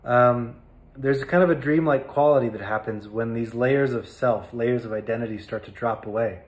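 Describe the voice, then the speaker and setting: A man giving a reflective talk as a tea teacher, speaking slowly and thoughtfully, with pauses and fillers. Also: medium pitch.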